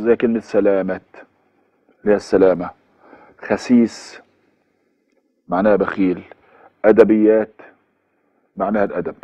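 A man's voice: on the low side, dry recording, dull audio. A man with an Egyptian accent giving a recorded university course lecture, listing examples one by one and repeating them, with fillers. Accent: Egyptian Arabic.

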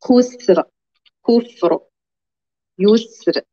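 A woman student reading words one at a time in a recitation drill, carefully and deliberately. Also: medium pitch, dark tone. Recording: lo-fi online call audio.

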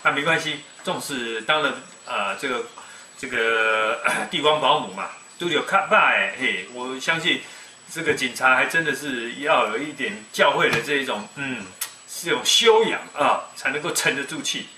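A man in his fifties with a Taiwanese accent, giving folksy, animated commentary on the news. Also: mid-range voice, moderate pace. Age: 50s. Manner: animated, folksy, mixes Mandarin and Taiwanese Hokkien. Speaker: web TV commentator. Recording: echoey room, distant mic, faint noise.

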